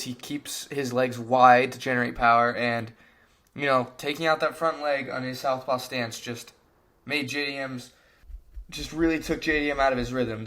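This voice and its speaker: A young man giving a casual fight breakdown, talking animatedly and exasperatedly, filling his sentences with slang. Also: mid-range voice. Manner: animated, frequent "bro", exasperated rants. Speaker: MMA commentator.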